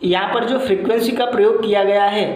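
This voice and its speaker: A male teacher giving a classroom lecture. He explains in repetitive, circling phrases with many fillers, and reads English lines out slowly before explaining them. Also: sits high, steady tone, darkish tone. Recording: very echoey room.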